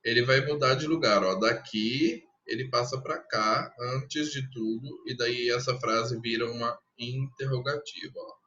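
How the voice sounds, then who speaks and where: A man with a Brazilian Portuguese accent teaching an English grammar lesson, explaining patiently step by step and repeating example sentences slowly. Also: medium pitch, fairly bright tone, lo-fi sound. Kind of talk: recorded classroom lesson.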